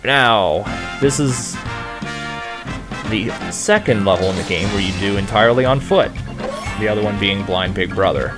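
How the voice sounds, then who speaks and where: A man's voice: on the low side, moderate pace. A man casually commenting while playing a video game, rambling and thinking aloud. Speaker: let's play host. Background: game music.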